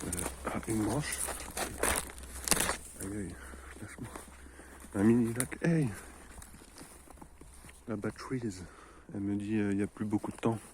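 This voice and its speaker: A man vlogs outdoors in a snowy forest, joking with viewers in playful, mock-formal explorer-style commentary. His voice is fairly low and steady, with a measured pace and long pauses. The outdoor recording is noisy.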